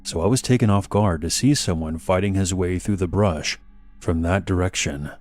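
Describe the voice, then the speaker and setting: A man narrating a horror story in a measured, steady storytelling manner. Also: low-pitched, faint music behind.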